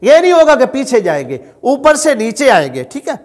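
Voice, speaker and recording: A very high male voice with huge swings in pitch fills what sounds like a big room. The speaker, a religious teacher, lectures patiently, repeating his points and responding to his own questions to the audience.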